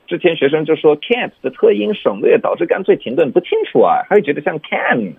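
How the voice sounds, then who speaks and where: A man teaching English pronunciation on a radio show, stretching words out slowly to demonstrate sounds. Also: on the high side, sing-song, gravelly, breathy edge, no echo. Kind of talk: radio lesson chat. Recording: tinny phone-like radio sound.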